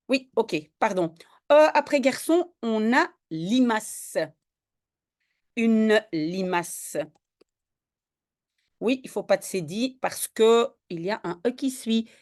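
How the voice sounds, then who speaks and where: A woman's voice: fairly high pitch, darkish tone. A woman tutoring a student in French spelling, patiently explaining each word step by step. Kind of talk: one-on-one spelling lesson.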